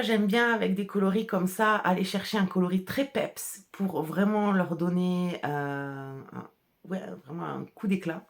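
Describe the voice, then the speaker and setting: On her podcast, a shop-owning hand-dyer with a regional French accent chats casually about dyeing yarn colours and laughs often. Her voice is mid-range with vocal fry.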